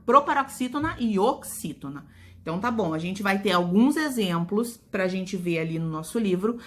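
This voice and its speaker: Brazilian woman, primary teacher, recorded kids' lesson; high, bright voice, stretches out syllables for children. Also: slight background noise. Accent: Brazilian Portuguese. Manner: slow, drawn-out stressing of syllables for children.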